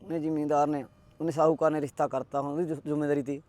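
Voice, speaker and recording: A man's voice: fairly high pitch, flat delivery, rapid-fire, a little mellow, no room sound. A man telling a village folk tale in a rustic style, quoting each character with "he says". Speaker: storyteller.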